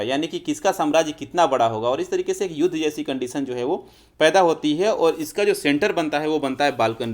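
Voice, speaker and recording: A male teacher, giving an explanatory history lecture and often calling his students friends. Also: a little high. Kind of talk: classroom lecture.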